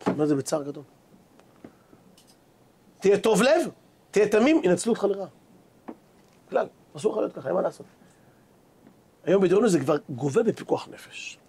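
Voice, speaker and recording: A man's voice: high-pitched, slightly rough. A man, a rabbi, giving a sermon and telling a story, acting out both sides of a conversation. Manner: animated storyteller acting out dialogue. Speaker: rabbi giving a Torah lesson. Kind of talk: Hebrew sermon with stories.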